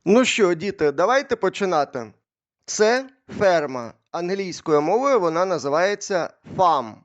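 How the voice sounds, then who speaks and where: A man's voice: high voice, sing-song, a little slow, highs cut off. A man teaching a children's language lesson in a patient, friendly way, drilling words through repetition and asking the children questions.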